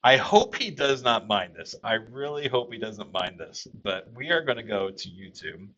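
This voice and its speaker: A man's voice: fairly low pitch, sing-song, moderate pace, a bit bright, lo-fi sound, slight background noise. A man from Texas hosting a casual livestream, rambling with many fillers as he reads viewer comments aloud. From Texas, USA. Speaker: livestream host.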